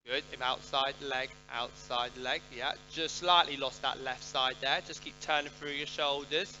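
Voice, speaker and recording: A man coaching riders live, calling out brisk, projected short commands and corrections. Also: mid-range voice, fairly even intonation, sharp tone, muffled recording, soft background music. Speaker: riding coach giving a jumping and pole clinic. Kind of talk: live riding instruction to pupils.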